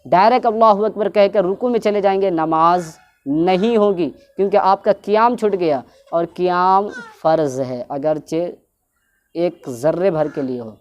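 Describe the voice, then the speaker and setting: A woman's voice: on the low side, lo-fi sound. A woman giving a religious instruction talk, explaining at length, repeating her points and drawing out words to show how they should be pronounced. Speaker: religious teacher.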